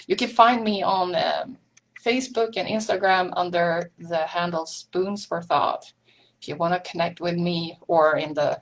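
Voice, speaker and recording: A Swedish woman with a Swedish accent and a voice on the low side hosts a live online meetup, chatting casually with lots of ums and small laughs. It's relaxed live-stream talk, captured in a low-quality recording.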